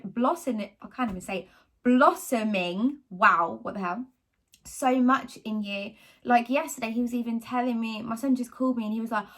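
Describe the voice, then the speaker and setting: A woman in her thirties speaks with a slightly high voice, chatting to camera about faith. She rambles and circles back, fills gaps with little "da, da, da" sounds, and stays animated throughout. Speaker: vlogger sharing faith testimony. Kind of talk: casual talk to camera.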